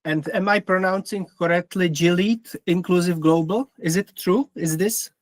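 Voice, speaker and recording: A man's voice: sits high, moderate pace, no echo. A man from the Czech Republic hosting a podcast, asking polite, careful questions over a call. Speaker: podcast host. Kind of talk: remote interview.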